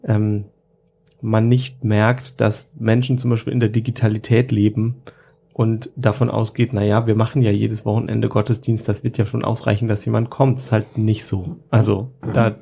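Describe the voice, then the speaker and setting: A man's voice: lowish voice, flat delivery, moderate pace, creaky, dark tone, slight background noise. A man interviewing a guest in an agreeable, reflective way, often affirming. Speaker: interviewer, church worker. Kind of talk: conversational interview.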